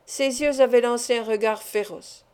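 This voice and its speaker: A woman reading a classic adventure novel aloud in a measured narration. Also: on the high side, steady tone, a little mellow, smooth. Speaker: audiobook reader. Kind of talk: scripted narration.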